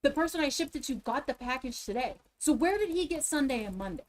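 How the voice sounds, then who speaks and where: A woman's voice: high voice, lively intonation, fast talker, slight background noise, poor audio. Exasperated woman ranting about her day. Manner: exasperated, repeats lines for emphasis. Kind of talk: casual ranting storytime.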